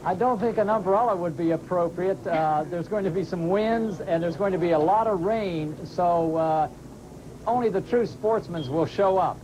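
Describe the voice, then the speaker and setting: A man giving measured, phrase-by-phrase explanations as a weather forecaster in an interview. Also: high voice, background noise. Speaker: hurricane forecaster.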